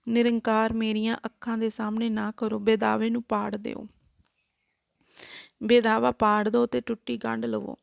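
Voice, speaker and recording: A woman's voice: on the high side, little pitch movement, moderate pace, vocal fry, no echo, studio quality. A woman voicing a dying old soldier who earnestly begs for forgiveness. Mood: imploring. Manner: earnest, imploring. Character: dying old male soldier pleading for pardon.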